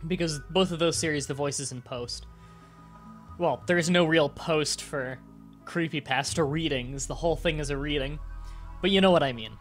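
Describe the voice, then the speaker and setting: A congested man wearing a nasal strip, short of breath, chatting casually to viewers as a live streamer and pausing to breathe. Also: on the high side, fairly bright tone. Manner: halting, with pauses to breathe and throat clearing. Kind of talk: casual livestream chat to viewers. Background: music.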